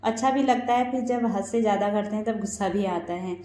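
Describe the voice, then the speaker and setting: A woman's voice: medium pitch, fairly quick, warm tone. A woman vlogger and mother giving a chatty, casual voice-over of her daily routine, often talking to viewers as friends. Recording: roomy echo with faint background music.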